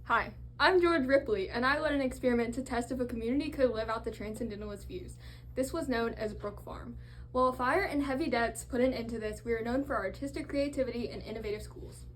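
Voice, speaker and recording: Quick commune founder guest , played by a teenage girl. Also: a little high, slight background noise, lightly acted. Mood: quick recital.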